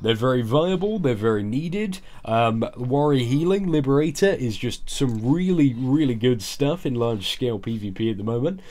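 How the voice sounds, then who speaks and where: A man's voice: medium pitch, animated, normal speed, hardly any pauses, a little mellow. A man who sounds ill and a little groggy, giving casual, explanatory commentary on a video game. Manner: explanatory, informal. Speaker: gaming video creator.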